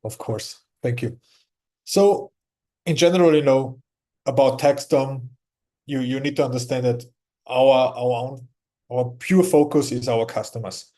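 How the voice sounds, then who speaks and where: Guest exec, man with Austrian German accent, halting speech, mellow tone. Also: mid-range voice. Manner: halting, many restarts and repeated words. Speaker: company executive guest. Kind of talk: casual interview talk.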